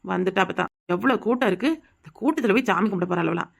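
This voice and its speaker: Brief: woman playing a sarcastic young village woman for a cartoon, Kanyakumari Tamil accent, gravelly fast delivery. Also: medium pitch. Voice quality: sarcastic, mouthy. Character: young sharp-tongued village woman, irreverent.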